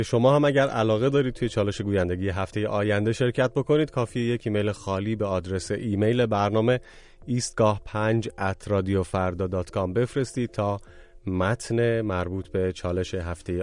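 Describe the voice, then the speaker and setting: A man's voice: on the low side, a little mellow. A man co-hosting a radio show, chatting in a friendly, conversational way with frequent fillers. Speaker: radio co-host. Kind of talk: casual radio talk.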